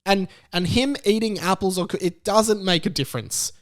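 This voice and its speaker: Comically indignant and emphatic, a young Australian man vents on YouTube about a news story. His high voice keeps a moderate pace, and the recording is dry and studio-grade.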